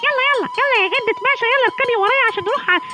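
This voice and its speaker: A woman's voice: very high voice, very fast, bright, forceful tone. A woman with an Egyptian accent voicing a mischievous young boy in a children's toy story. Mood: eager. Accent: Egyptian Arabic. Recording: music playing behind.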